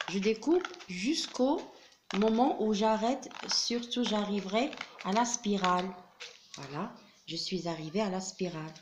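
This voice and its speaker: A woman explaining a classroom craft step by step, patient and methodical, with frequent pauses and fillers. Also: mid-range voice, expressive, noisy background. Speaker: teacher.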